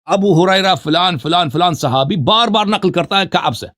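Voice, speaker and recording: A man's voice: high voice, a bit bright. A man arguing insistently in a heated debate, lecturing and cutting in.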